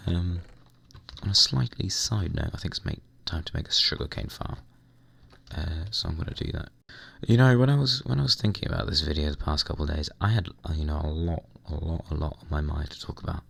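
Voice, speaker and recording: A young man with a hoarse, croaky voice, chatting casually and rambling while playing a computer game. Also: very deep voice, fairly quick, fairly bright tone. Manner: rambling, chatty, mild swearing. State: hoarse, recovering lost voice. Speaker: gaming vlogger. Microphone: desk microphone at computer.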